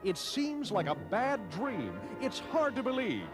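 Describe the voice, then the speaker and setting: A man's voice from an old newsreel soundtrack, narrating in a dramatic, declamatory 1940s manner. His pitch sits fairly high and swings widely. Loud music plays behind him. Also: huge pitch swings, a little slow.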